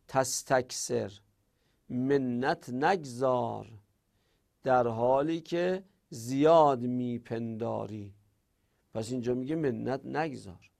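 A man teaches a grammar lesson in a rough, gravelly voice. He works through each rule out loud, putting questions to himself and then answering them. His pitch sits in a plain middle range. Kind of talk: explaining Arabic grammar lesson.

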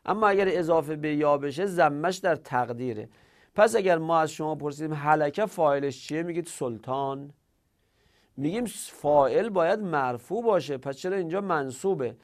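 A man's voice: fairly high pitch, animated. Man explaining grammar in a lecture. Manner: explanatory, asks questions and answers them himself; repeats words slowly to demonstrate pronunciation. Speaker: teacher of Quranic recitation and Arabic grammar. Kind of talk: classroom lecture.

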